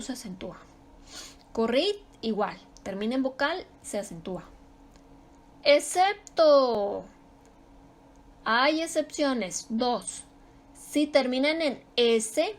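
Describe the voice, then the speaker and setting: A woman teaching a grammar lesson, explaining slowly and repeating example words with strong stress. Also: on the high side.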